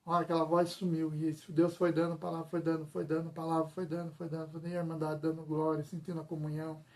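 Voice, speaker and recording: A man's voice: a little high, monotone, fast talker, a little mellow. A man telling a church testimony, retelling it emphatically with lots of repetition. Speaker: church member giving testimony. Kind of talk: testimony storytelling.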